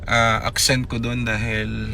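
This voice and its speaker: A man's voice: medium pitch, completely flat delivery, takes it slowly, gravelly, bright, forceful tone, faint music behind. A man from the Philippines, a used car seller, chatting and joking as he shows off cars in a casual vlog at a parking garage. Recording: noisy outdoor ambience.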